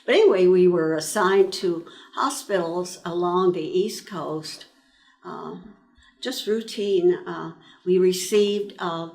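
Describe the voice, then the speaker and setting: A woman in her nineties from eastern Pennsylvania, slowly recalling her years as an army nurse in an interview, pausing often between phrases. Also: on the low side, a little mellow. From eastern Pennsylvania, USA. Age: 90s. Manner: slow, reflective storytelling with frequent pauses. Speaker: interviewee, World War II army nurse veteran. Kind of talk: reminiscing in an oral-history interview.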